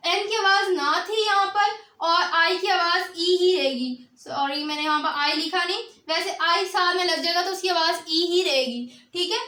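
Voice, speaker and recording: A woman teaching a beginner language lecture, explaining step by step and pausing often to check in with students. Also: very high voice, sharp tone, roomy sound. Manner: explanatory, often adds a check-in filler after each point.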